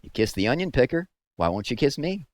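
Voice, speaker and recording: A man voicing a drunk small-town sheriff in a storybook, with a slow, taunting drawl. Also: mid-range voice, very animated, pitched above the performer's own voice, natural voice. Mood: leering, taunting.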